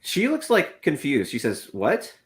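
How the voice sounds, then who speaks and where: A man narrates a tabletop game as its game master, his voice sitting very low. He talks in halting bursts, often stopping and restarting. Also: fairly bright tone. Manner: hesitant, many fillers and restarts.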